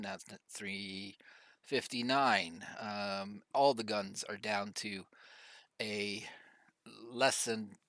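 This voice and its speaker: Man, middle-aged, slightly coughy, bright forceful voice, low-ish pitch, rambling casual game commentary. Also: dry recording. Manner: rambling, many fillers, coughing now and then. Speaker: gaming YouTuber.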